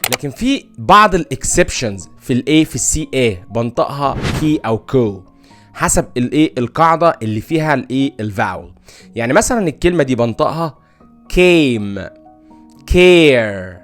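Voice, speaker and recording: A man with an Egyptian Arabic accent teaching English pronunciation, reading out word lists slowly and repeating words clearly. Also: medium pitch, lively intonation, a bit bright, soft background music. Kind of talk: recorded language lesson.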